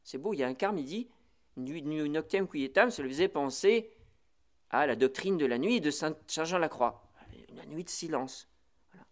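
A man, a priest, giving spiritual instruction on the prayer office. He talks in a lively, chatty way and reads Latin phrases slowly before explaining them. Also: fairly high pitch. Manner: lively, chatty teaching peppered with "voilà" and "vous voyez".

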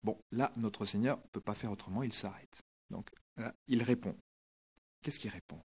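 A male preacher giving a sermon, retelling a scripture story in a lively, dramatic way. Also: fairly low pitch, normal speed, a little hiss or hum.

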